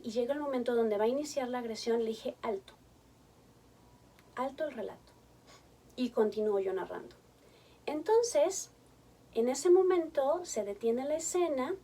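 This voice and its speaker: A woman's voice: mid-range voice, slightly rough, distant mic. A woman, a family therapist telling stories from her practice to parents and acting out the voices in them. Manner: warm storytelling, acts out quoted voices. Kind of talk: talk to parents.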